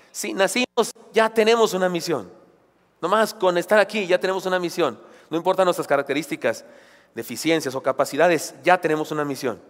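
Emphatic preacher in an echoing hall. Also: male voice, a little high. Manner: emphatic, rhetorical questions, joking asides. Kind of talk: sermon. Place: church sanctuary. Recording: long church hall reverb.

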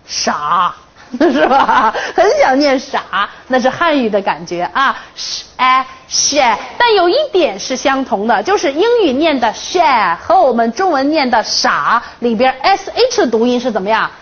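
A woman's voice: high voice, big pitch swings, unhurried, fairly bright tone, breathy edge. A woman English teacher leading a classroom phonics lesson, drilling the class with counted chants and playful, teasing questions. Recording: dull lo-fi classroom recording.

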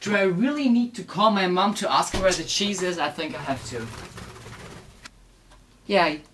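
Chatting away to her pet bird as she fixes lunch, this young woman has a lowish voice with lively intonation and a normal pace. She's filming a relaxed cooking vlog indoors in her small kitchen, using a handheld camera that picks up a lot of noise.

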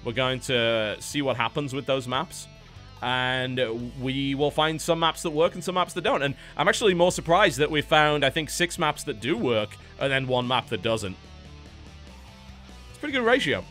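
A British man hosting an esports show, wrapping up a match with energetic, quick-fire commentary. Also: medium pitch, soft background music. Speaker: esports caster and show host. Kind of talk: post-match commentary wrap-up.

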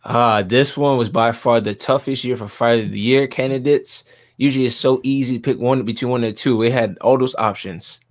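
A man's voice: mid-range voice, fairly even intonation, normal speed. A man co-hosting a fight podcast, talking earnestly about his picks in a casual chat. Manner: earnest, giggly when teased. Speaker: podcast co-host.

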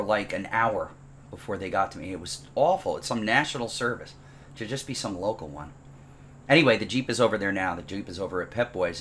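Teaching programming from home, a man sits at his dining room table and jokes through a self-mocking, exaggerated story before the lesson. His voice is low and animated, and the recording carries a slight hiss or hum.

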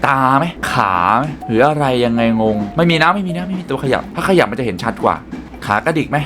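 A young man hosting a gaming channel, excitedly commenting on a puzzle game and talking to his viewers. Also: mid-range voice, fast talker, over music. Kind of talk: let's play commentary.

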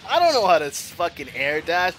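A man giving live commentary on his own fighting game match, excitable, swearing and trash-talking. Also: sits high, a little fast, a little hiss or hum. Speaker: gaming streamer.

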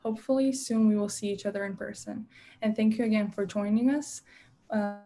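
Young woman, Macedonian accent, even delivery. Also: mid-range voice, fairly quick. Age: young adult. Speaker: webinar host. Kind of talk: hosting, scripted announcements. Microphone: video call.

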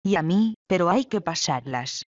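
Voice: mid-range voice, animated, moderate pace, no echo, lightly acted. A reader doing a proud young bride-to-be. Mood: assured. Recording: dull, lo-fi, dry.

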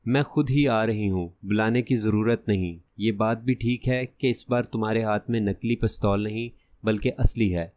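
A man voicing a quick-witted young girl detective in an audiobook, speaking calmly and boldly. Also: lowish voice, dry recording, close to an everyday voice.

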